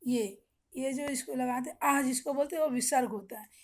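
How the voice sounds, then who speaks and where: A middle-aged woman teacher giving an online class, explaining patiently, repeating questions and checking with the children. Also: high voice. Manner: explains slowly, repeats questions, frequent "ठीक है".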